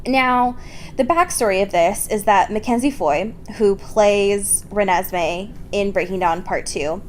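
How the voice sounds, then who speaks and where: A young woman with a medium-pitched voice co-hosts a casual, comedic book podcast, speaking unhurriedly. She's exasperated and sweary, often slipping into mocking quotes, with background noise clearly audible.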